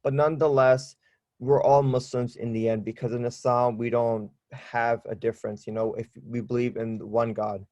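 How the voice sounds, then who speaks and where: A man's voice: mid-range voice, little pitch movement, normal speed, darkish tone, no echo. Man from Pakistan, casual slide talk on a video call, dry close sound. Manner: conversational, asks for the next slide. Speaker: student presenter.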